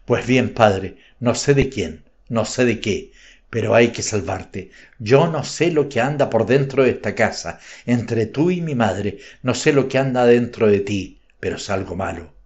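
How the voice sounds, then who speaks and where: A man's voice: medium pitch, unhurried, darkish tone, lightly acted. A male narrator voicing a resolute, devout young daughter who pleads earnestly with her father, in a slightly dull recording. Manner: earnest, insistent.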